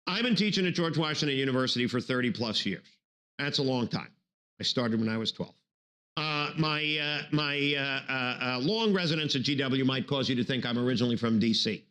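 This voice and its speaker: A man's voice: mid-range voice, fairly quick. A man from Brooklyn, giving a law lecture full of jokes and playful put-on voices. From New York City, Brooklyn. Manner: jokey, animated, acts out silly voices. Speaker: law professor. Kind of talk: recorded bar review lecture.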